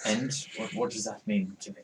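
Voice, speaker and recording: A man's voice: lowish voice, normal speed. Guy playing a curious prim character, echoey room, mic far, bit of hiss. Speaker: player. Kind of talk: in-character tabletop play. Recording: roomy, distant mic with faint noise.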